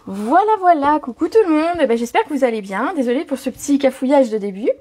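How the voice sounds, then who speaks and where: A woman's voice: high-pitched, animated, fast talker, a little mellow. A woman hosting a live card-making tutorial, chatty and full of fillers, greeting viewers by name as she demonstrates. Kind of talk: live-streamed craft tutorial. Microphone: home setup, own mic.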